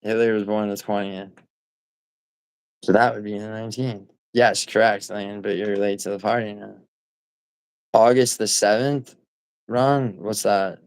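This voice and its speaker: Reading viewer comments on a livestream, this New York City man rambles and swears, full of fillers and restarts. His nasal voice is fairly low and steady, unhurried with long pauses, and the recording quality is low.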